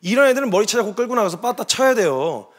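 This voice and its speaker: A man preaching as a missionary, telling a story with lively delivery and sudden shouted quotes. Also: high-pitched, fast. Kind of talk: sermon testimony.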